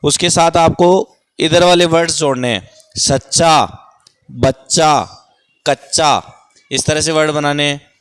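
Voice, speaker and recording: A man's voice: fairly high pitch, steady tone, normal speed, fairly bright tone, smooth. A man teaching young kids in class. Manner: calls pupils by name, coaxing. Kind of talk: classroom lesson.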